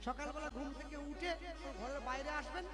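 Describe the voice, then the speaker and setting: A man with a very high, ringing voice preaches and chants a devotional kirtan. He exhorts the crowd and leads loud call-and-response chanting over heavy, loud musical accompaniment. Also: brisk, over loud music.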